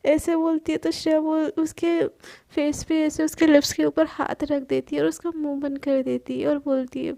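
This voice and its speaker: Woman storyteller, casual chatty narration, gravelly and dark-toned. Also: high voice, little pitch movement, normal speed. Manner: chatty, conversational retelling.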